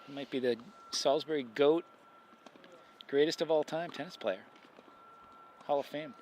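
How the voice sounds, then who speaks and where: A man's voice: on the high side, darkish tone. Chatty male coach calling tennis outdoors. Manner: chatty and admiring, quick to praise shots. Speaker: coach and commentator. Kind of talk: casual play-by-play commentary. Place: outdoors beside school tennis courts. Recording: faint outdoor background noise.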